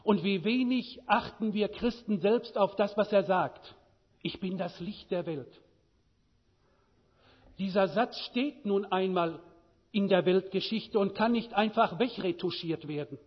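Slow, husky male preacher in a hall. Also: sits high, dull audio. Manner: rhetorical questions, measured delivery. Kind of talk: sermon.

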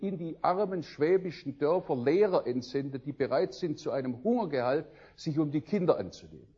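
An older man preaching a sermon, telling stories with lively swings between loud outbursts and quiet musing. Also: on the high side, husky, dull audio.

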